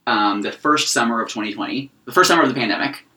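A man's voice: mid-range voice, quick pace, recorded from a distance. Man telling stories, a bit off-mic. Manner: animated storyteller who acts out quotes. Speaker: podcast co-host. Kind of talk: casual chat. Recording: set back from the mic.

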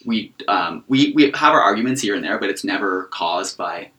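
A man co-hosting a podcast in casual chat, an animated storyteller who acts out what people said. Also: fairly low pitch, moderate pace, far from the mic. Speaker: podcast co-host. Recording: set back from the mic.

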